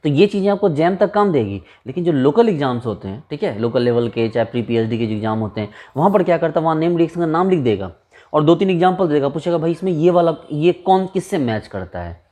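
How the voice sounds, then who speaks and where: A man's voice: fairly high pitch, expressive, quick pace, warm tone. A man teaching a chemistry lecture in a casual, chatty way, asking rhetorical questions and calling students brother.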